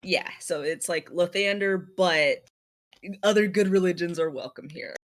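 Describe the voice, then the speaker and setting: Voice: medium pitch, a little slow, fairly bright tone. A player chatting casually at a tabletop game, hesitant and self-correcting. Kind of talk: casual chat.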